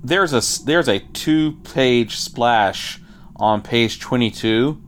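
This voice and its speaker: A man's voice: mid-range voice, slow, slight background noise. A man co-hosting a comic book podcast, reading out the credits and plot of an issue, then chatting casually about it. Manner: reads issue credits and plot recap, then chats with many fillers and repeats. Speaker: podcast co-host.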